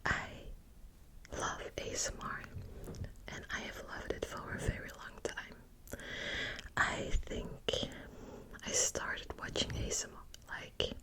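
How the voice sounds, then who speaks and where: A young Dutch-accented woman from Belgium hosts her ASMR book channel in a soft, uncertain whisper, sprinkling in many small fillers. She speaks slowly, pausing often, and the recording is rough.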